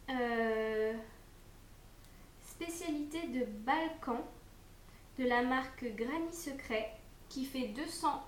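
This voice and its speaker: A woman's voice: sits high, fairly bright tone, slight background noise. A young woman chatting casually as she unboxes and reviews food products, with frequent hesitations and fillers. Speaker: unboxing vlogger. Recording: echoey room.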